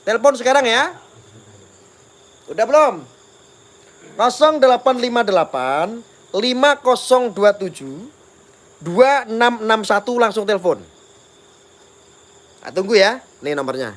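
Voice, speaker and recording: A man's voice: sits high, animated, unhurried, pauses often, a bit bright. A man with a Javanese accent, ranting on a live stream and repeatedly taunting viewers to phone him.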